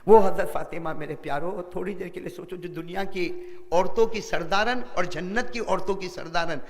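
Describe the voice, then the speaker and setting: A man preaching an impassioned storytelling sermon, often putting questions to his listeners and repeating phrases. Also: high-pitched. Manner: keeps asking the audience questions and repeating phrases. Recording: long hall reverb.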